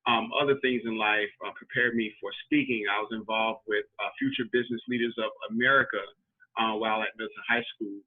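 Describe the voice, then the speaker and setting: A man's voice: medium pitch, slightly rough. A man in his thirties from Tampa, Florida, answering interview questions hesitantly, with many ums and false starts. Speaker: interview guest. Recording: tinny phone-like line.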